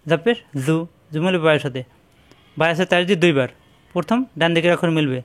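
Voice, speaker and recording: A man with a Bangladeshi Bengali accent teaching Quran letter pronunciation, repeating each syllable slowly and explaining how to shape it. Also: a little high. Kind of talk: slow drilled recitation lesson.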